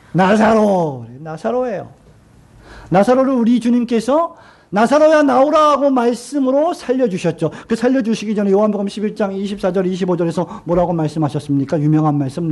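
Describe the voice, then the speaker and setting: A middle-aged male pastor preaching a sermon, asking the congregation questions and slowing down to quote scripture gently. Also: high voice. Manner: asks the congregation questions and has them repeat lines; slows down and drops his voice when quoting Jesus.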